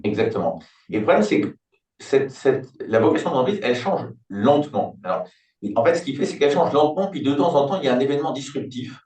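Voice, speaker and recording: Older French-speaking consultant type, thoughtful and explanatory, recorded off-mic in an echoey room. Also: male voice, mid-range voice, animated, fast, a little mellow. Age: 60s. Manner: reflective, explanatory, thinks aloud with homely examples. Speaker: business turnaround consultant, company founder. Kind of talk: conversational interview. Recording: roomy, distant mic.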